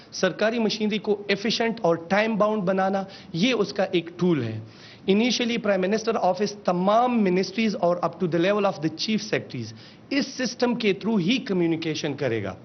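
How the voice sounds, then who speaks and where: A high-pitched man walks the press through a slide briefing in a measured official tone and slips in English phrases. The recording is dull and lo-fi, with a faint rumble underneath. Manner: mixes in English phrases, calls out slide changes. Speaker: government official presenting a system.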